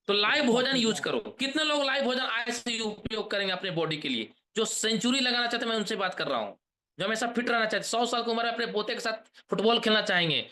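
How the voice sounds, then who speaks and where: A man in his thirties giving an energetic sales pep talk on a video call, rousing the audience with questions and chants. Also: sits high. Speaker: motivational trainer.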